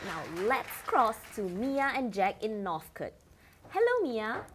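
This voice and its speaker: A woman's voice: a little high, very animated, slow pace, a crowd in the background, background noise. A woman playing a glib, vain male talk-show host in a scripted satire, wisecracking and stammering. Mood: breezy.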